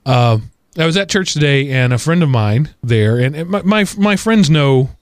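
A man's voice: a little high, lively intonation, normal speed, no echo, studio quality. A man hosting a podcast in casual chat, rambling through asides with wry, self-deprecating humor. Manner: rambling, full of asides and restarts. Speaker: podcast host.

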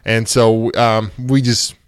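A man co-hosting a podcast, chatting casually in a slow, hesitant way with some restarts. His pitch is middling and the sound is close and dry. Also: level tone, clear, resonant tone, no echo. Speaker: podcast co-host. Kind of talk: casual chat.

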